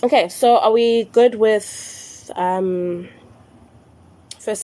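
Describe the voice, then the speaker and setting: A woman's voice: mid-range voice, dark tone, no echo. South African woman hosting a live stream. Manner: mixes English with Zulu phrases, repeats instructions slowly. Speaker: spiritual live-stream host. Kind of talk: casual live-stream instruction. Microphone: phone.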